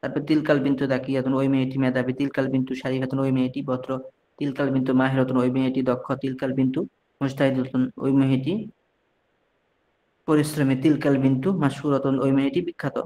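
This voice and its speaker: A man from Bangladesh leads an online lesson at a middle pitch. He drills short phrases one at a time, reads each one and then translates it. He often stops mid-word and starts again. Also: completely flat delivery, fast, warm tone. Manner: frequent restarts and mid-word corrections. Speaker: Arabic teacher.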